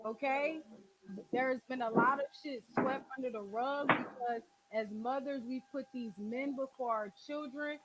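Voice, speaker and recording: With background noise audible, a podcast and call-in host from Philadelphia, in her twenties, speaks at a measured pace in a high, steady voice. She gets frank about relationships, her style blunt and emphatic, full of street slang and frequent swearing.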